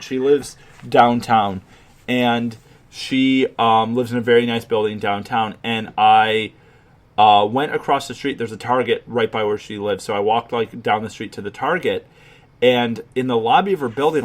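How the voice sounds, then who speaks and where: A man's voice: medium pitch, normal speed. A man in his twenties from Chicago, co-hosting a casual podcast chat, rambling and swearing, with lots of fillers. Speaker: podcast co-host.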